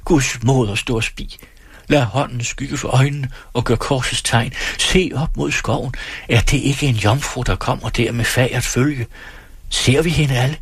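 A man voicing a crowd of poor, awestruck border peasants in a read-aloud story, calling out excitedly in wonder. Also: mid-range voice, gravelly, husky, dry recording. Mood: amazed.

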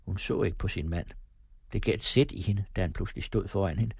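A man reading a novel aloud as narrator in calm, measured storytelling. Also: sits low, creaky, slightly rough, no echo, clean studio sound. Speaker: audiobook narrator. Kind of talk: scripted narration.

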